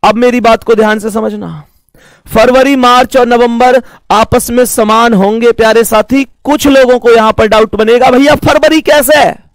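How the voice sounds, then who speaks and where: Man teacher, high voice, slow repeated explanations, dry close sound. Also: fairly even intonation, dry recording. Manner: explains slowly, repeats points, addresses students fondly. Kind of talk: blackboard math lesson.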